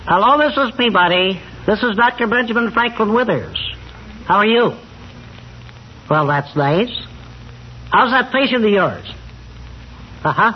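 An old-fashioned country animal doctor for a radio comedy, absent-minded and given to rambling. His voice is on the high side, heard through the dull sound and faint noise of a vintage broadcast. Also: lively intonation, a little slow, pauses often. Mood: polite. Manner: rambling, distracted, throat-clearing, repeats himself. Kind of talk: 1940s radio comedy-drama acting.

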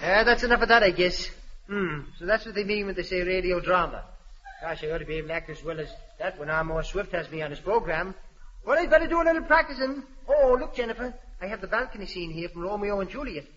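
An eager young would-be actor. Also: male voice, high-pitched, fast talker, a bit bright. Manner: earnest, overdramatic when reciting. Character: eager, naive young man who wants to be an actor. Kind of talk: 1940s radio comedy acting. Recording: muffled old radio recording.

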